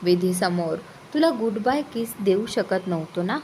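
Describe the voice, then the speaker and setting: A woman's voice: medium pitch, expressive, unhurried, dark tone, a little hiss or hum, lightly acted. A woman voicing a playful young man who teases his sister, in a storybook reading. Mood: teasing. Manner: teasing, light.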